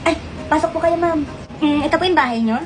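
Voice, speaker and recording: A woman with a high voice scolds rapidly in a comedy skit clip, loud music playing behind her. She's a skit creator who acts out several family roles for laughs.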